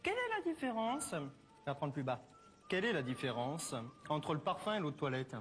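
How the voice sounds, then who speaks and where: An actor playing a childishly persistent, nosy neighbor in a comedy sketch, loud and clownish, on old tape audio. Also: male voice, wildly swooping pitch, a little fast. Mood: pestering. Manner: loud, clownish, swoops high to low. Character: pestering, nosy middle-aged male neighbor, childishly persistent.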